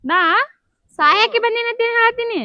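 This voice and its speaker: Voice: very high voice, brisk, pushed and bright, no echo, dull audio. A performer playing a heartbroken young woman in a comedy skit, sulky and stubborn, with a North Karnataka Kannada accent. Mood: despairing. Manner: sulky, stubborn, repeats herself.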